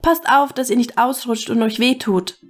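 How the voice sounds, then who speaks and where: A woman voicing an excitable young woman who gushes in a raised, bright tone in a storybook reading. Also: fairly high pitch, normal speed, faint music behind, pitched above the performer's own voice, natural voice. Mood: gushing.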